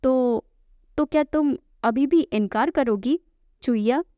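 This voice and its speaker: A teasing, persistent young man, as a woman narrator reads his lines in a storybook recap. Her voice stays a little high for him, and the sound is dull and dry. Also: takes it slowly, warm tone, dry recording. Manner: quoted plainly in the narrator's own voice.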